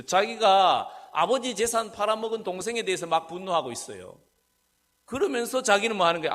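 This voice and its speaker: A male pastor preaching a sermon, asking his listeners questions and answering them himself. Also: fairly high pitch. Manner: rhetorical questions, lively and animated. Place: church sanctuary. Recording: long church hall reverb.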